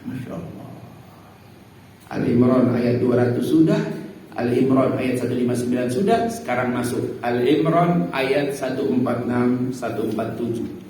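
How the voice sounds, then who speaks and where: Lively preacher man in an echoing hall. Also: mid-range voice, moderate pace, slight background noise. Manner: lively, animated, acts out prayers, addresses audience as Pak. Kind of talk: mosque sermon. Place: mosque hall. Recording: very echoey hall, mic far off.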